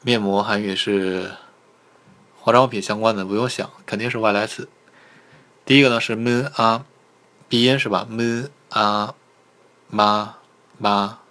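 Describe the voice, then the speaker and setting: A male language teacher giving a livestreamed pronunciation lesson, patiently sounding out syllables and repeating them slowly. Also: lowish voice, fairly even intonation, fairly bright tone. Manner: patient, repeats syllables slowly, asks viewers to type in chat.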